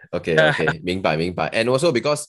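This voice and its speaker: A Singaporean man with a fairly low voice hosts a casual chat. He speaks Singlish, hopping between English and Mandarin within a sentence. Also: very animated, normal speed, a bit bright. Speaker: podcast host.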